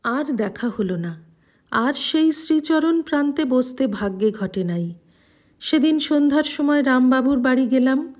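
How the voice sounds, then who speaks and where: A woman reading a devotional text aloud in a calm, measured and reverent way. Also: sits high. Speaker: reader.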